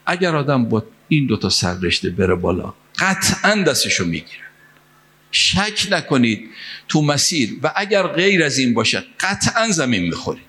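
A man's voice: medium pitch, very animated, pushed and bright. A man from Mashhad delivers an impassioned sermon, weaving in a story. He recites Arabic phrases and lines of verse, and his voice climbs to emphatic peaks to drive home a point. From Mashhad, Iran. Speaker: preacher.

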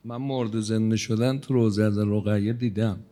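A male cleric giving a religious sermon in a conversational, teasing manner, his loudness rising and falling as he speaks. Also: lowish voice, fairly even intonation. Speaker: cleric preacher.

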